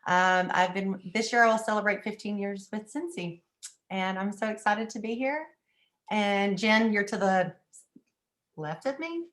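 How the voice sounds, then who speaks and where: A woman's voice: medium pitch, unhurried, fairly bright tone. A woman from Northeast Texas on a video-call panel, easygoing and chatty.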